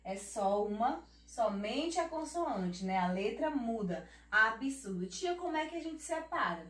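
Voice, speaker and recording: A slow, patient Brazilian primary school teacher with a Brazilian Portuguese accent gives a children's lesson, her voice on the high side. She draws out spelled words with tag questions and speaks affectionately, calling herself auntie. She's far from the mic in an echoey room.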